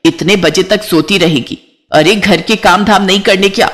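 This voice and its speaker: A woman's voice: mid-range voice, moderate pace, natural voice. A woman voicing a harsh middle-aged stepmother who scolds and nags. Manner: nagging, scolding.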